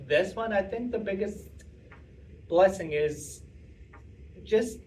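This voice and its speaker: A young man talks casually to an audience, rambling and restarting with plenty of fillers. His voice sits a little high. He is picked up from across a meeting room, with faint room noise behind him. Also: slow, darkish tone, recorded from a distance, rough recording. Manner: chatty, rambling, self-interrupting with fillers. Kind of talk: casual talk answering audience questions.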